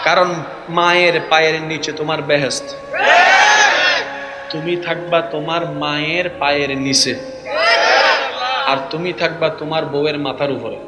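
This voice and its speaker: A high-voiced man with a preaches over a PA at an outdoor gathering, often breaking into shouts. He calls out to the crowd and keeps asking it to answer back. Loud music and a large crowd fill the background. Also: level tone, measured pace, long pauses. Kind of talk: Bengali waz sermon.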